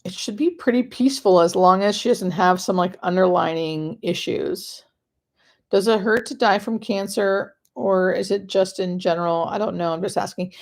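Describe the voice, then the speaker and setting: A woman's voice: medium pitch, normal speed, a little mellow. American woman, conversational hospice nurse. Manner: conversational, explanatory, stop-and-start phrasing with emphatic repetition. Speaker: hospice nurse answering live viewer questions. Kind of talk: casual live-stream Q&A.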